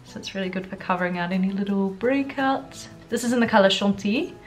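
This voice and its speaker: A young woman talks through her makeup routine in a casual, chatty way, sounding sick and stuffed up with a cold. Her pitch sits in the middle, and music plays behind her. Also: fast. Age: young adult. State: congested with a cold, feeling groggy and unwell. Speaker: beauty vlogger. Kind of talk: chatty get-ready-with-me makeup tutorial. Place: furnished living room at home, indoors. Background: background music.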